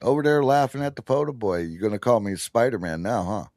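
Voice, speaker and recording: A man's voice: mid-range voice, expressive, brisk, darkish tone, dry recording. A man hosting a podcast, telling a rambling story in casual chat, interrupting himself and laughing often. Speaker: podcast host.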